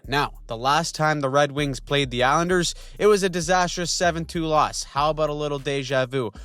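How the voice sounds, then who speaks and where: Snarky young guy doing a hockey recap voiceover, smooth clear voice, dry close mic. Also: medium pitch, fairly bright tone, dry recording. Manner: wisecracking, snarky, slangy. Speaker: host of a weekly hockey recap channel. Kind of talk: scripted sports recap voice-over.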